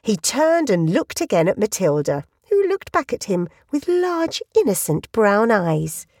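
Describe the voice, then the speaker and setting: A woman narrating a children's storybook aloud, expressive, slowing down for emphasis. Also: dry recording, clean studio sound. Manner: expressive, sweeping pitch with slowed emphasis.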